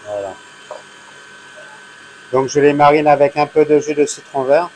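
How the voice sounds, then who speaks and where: A man's voice: on the high side, unhurried, background noise. A middle-aged man, a hotel chef giving a plain, step-by-step cooking demonstration on a lapel mic while he works. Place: hotel kitchen, indoors.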